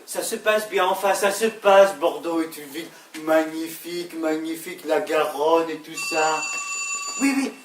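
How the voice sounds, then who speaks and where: A woman's voice: low voice, measured pace, background noise. A woman acting a smug male lover who teases dryly, in a live stage play, recorded from a distance in an echoey theatre. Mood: bluffing. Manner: dry teasing, amused jabs. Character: smug middle-aged male lover, teasing and sly. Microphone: distant room mic.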